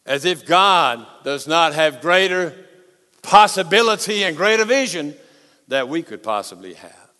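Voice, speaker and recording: A male preacher delivers a sermon with authority and emphasis, his voice pitched high and bright. He speaks slowly in short, deliberate phrases. The sound carries a long reverb from a large hall. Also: big pitch swings. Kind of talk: sermon to a congregation and broadcast audience.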